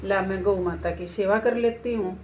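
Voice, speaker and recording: A woman's voice: mid-range voice, fairly even intonation, moderate pace, a little mellow, a little hiss or hum, lightly acted. Woman voicing a humble, pleading young daughter-in-law. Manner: respectful, pleading.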